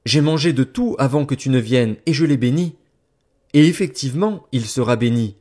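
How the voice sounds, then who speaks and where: A man's voice: fairly low pitch, normal speed, darkish tone, close to an everyday voice. A man reading as an old, solemn father. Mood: shaken.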